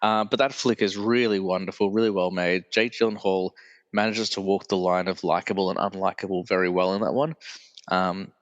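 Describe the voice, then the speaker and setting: Here a sick, congested man hosts a casual solo podcast, nasal-voiced, meandering and correcting himself along the way. He has a low, steady voice and a brisk delivery, captured in a large hall on lo-fi audio.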